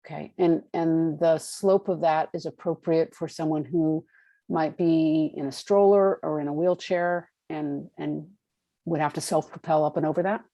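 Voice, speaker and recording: A woman commissioner asking careful, halting questions at a public meeting. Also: low-pitched, fairly even intonation, mellow, no echo, rough recording.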